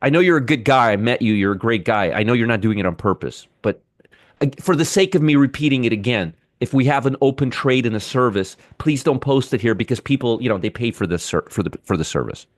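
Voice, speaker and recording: Middle-aged male stream host, mid-pitched, dry close sound, repeats himself, talks to chat. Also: expressive, fast talker, no room sound. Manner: repetitive, talks to chat viewers by name. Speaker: trading show host. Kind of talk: live market commentary with chat.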